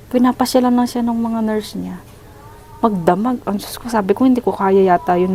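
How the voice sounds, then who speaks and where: A middle-aged Filipino woman tells a story in a relaxed, chatty vlog, her voice sitting at an ordinary middle pitch. She sounds sympathetic and conversational, with English words dropped into her speech. A faint hiss of room noise sits behind her in the hospital room. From Philippines. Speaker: vlogger.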